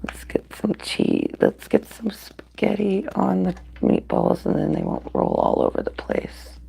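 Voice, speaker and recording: A woman's voice: medium pitch, huge pitch swings, unhurried, vocal fry, mellow, slightly rough. A woman hosting a casual live-stream at home, cooking and eating at a griddle, reading viewer comments aloud and often dropping to a whisper. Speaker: live-stream mukbang host. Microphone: computer mic.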